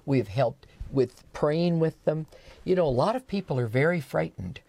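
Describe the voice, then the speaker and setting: A woman speaking as a charity leader in a studio interview, earnest and measured. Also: deep voice, animated, creaky, warm tone. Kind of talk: conversational interview about mission work.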